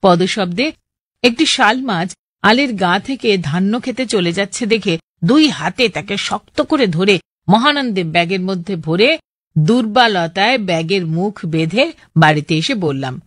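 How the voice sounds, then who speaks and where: A woman radio presenter, reading listeners' letters aloud in a steady, clear voice. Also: mid-range voice, a little slow, no echo, clean studio sound.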